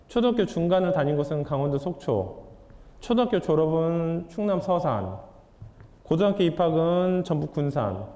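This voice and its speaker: In a lecture hall with noticeable reverb, a young adult man with a fairly high, warm voice gives a lecture. He poses questions to the audience in a candid, conversational manner.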